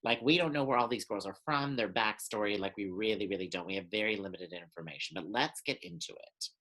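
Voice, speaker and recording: A man's voice: fairly low pitch, expressive, a little fast, fairly bright tone. Chatty man, trailing off with ums. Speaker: co-host of a reaction show. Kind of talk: casual chat.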